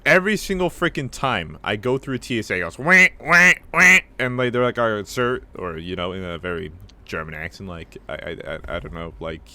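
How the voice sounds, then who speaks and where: A young American man chats casually as a podcast co-host, his voice sitting very low. He rambles through his story, stopping and restarting with plenty of fillers. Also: brisk, bright, forceful tone. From United States. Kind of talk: casual chat.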